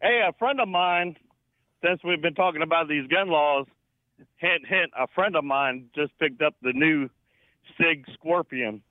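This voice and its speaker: A man's voice: a little high, measured pace, no room sound. A man in his late forties from Florida calling a radio show, chatting casually in a teasing, folksy way. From Florida, United States. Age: late 40s. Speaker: radio call-in guest. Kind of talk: casual chat. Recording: dull lo-fi phone call to radio.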